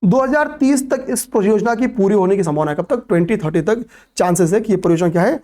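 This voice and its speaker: A man's voice: sits high, expressive, quick pace, a little mellow. A young man lectures an exam-prep class in a conversational teaching voice. He circles back over each fact, asks questions and answers them himself, and keeps tossing in "okay, pay attention" to his students. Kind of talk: classroom lecture on current affairs.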